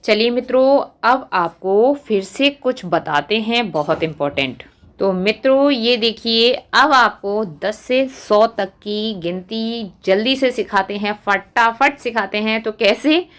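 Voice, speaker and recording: A woman teacher giving a lesson, reciting number words slowly and asking the viewer questions as she goes. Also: fairly high pitch. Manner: slow, deliberate recitation, quizzing the viewer. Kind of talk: classroom lesson.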